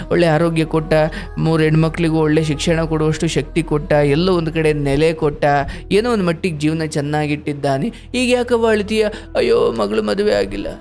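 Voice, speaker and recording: Guy with a high voice counselling a caller live, storytelling, lots of rhetorical questions. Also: brisk, a little mellow, faint music behind. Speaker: spiritual guru counseling callers on a live show. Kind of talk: live call-in spiritual advice.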